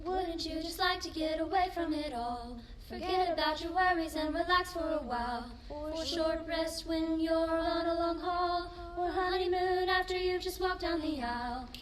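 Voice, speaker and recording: A woman's voice: extremely high pitch, normal speed. A woman playing a cheery singer of an advert jingle in a 1940s-style radio play, with sweet, sing-song delivery. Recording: echoey, music behind.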